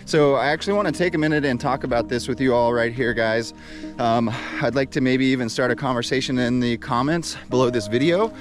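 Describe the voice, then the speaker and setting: A man's voice: mid-range voice, a little fast, music in the background. A man talking casually and reflectively to his viewers as an outdoor adventure vlogger. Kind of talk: reflective casual vlog talk. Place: outdoors on a trail.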